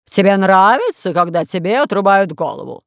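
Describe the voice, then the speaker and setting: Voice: mid-range voice, lively intonation, normal speed, no echo, studio quality, close to an everyday voice. A reader voicing a pompous crowned king in an audiobook, scolding theatrically. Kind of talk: audiobook character voice.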